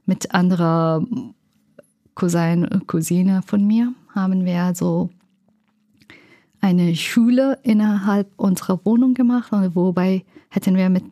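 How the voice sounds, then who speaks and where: A young woman from Afghanistan tells her story slowly and haltingly, with many pauses and fillers while she looks for the right word. Her voice is mellow and a little low for a woman. The recording is dry and close. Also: no echo. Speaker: interviewee. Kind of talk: personal life story interview.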